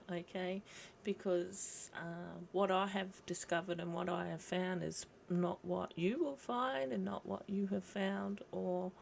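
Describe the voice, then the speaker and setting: Slow-talking woman with a creaky voice. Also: on the low side, a little hiss or hum. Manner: rambling, reflective, pausing between short phrases. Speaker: host of a live video commenting on folklore. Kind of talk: casual livestream chat.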